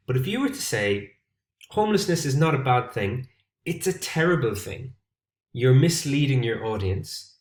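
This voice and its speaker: Irish male English teacher, scripted lesson to camera, clear and steady, mid pitch, echoey room. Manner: clear, steady explanatory delivery. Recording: roomy echo.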